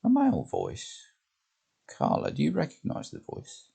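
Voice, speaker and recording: A man's voice: medium pitch, wildly swooping pitch, unhurried, creaky, warm tone, breathy edge, pitched above the performer's own voice, full character voice. A man voicing a concerned female friend, pushing his voice up and firing pressing questions.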